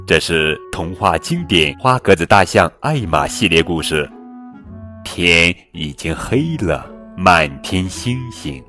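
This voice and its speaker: Slow, deep-voiced man reading a storybook. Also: expressive. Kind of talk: children's picture-book reading. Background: soft background music.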